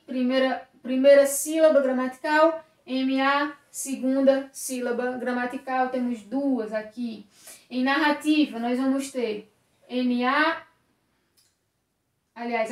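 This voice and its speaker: A woman teaching a lesson at a whiteboard, explaining step by step and often checking in with her listeners. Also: sits high. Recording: echoey room, voice from a distance.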